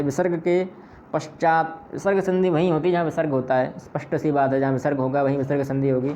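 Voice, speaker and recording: A man's voice: a little high, a little mellow. A man teaching Sanskrit grammar, explaining patiently step by step and repeating his examples. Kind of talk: explanatory lesson. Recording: slightly dull lo-fi audio with faint noise.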